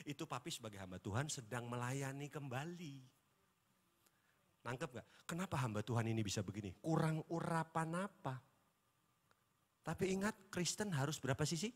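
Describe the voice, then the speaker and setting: A man, a pastor preaching an animated, joking sermon that keeps quizzing the congregation. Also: mid-range voice. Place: church hall. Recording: echoey church hall.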